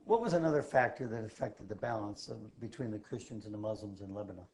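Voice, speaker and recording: Low-voiced man asking interview questions. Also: expressive, quick pace, darkish tone, slight background noise. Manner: brief, prompting questions.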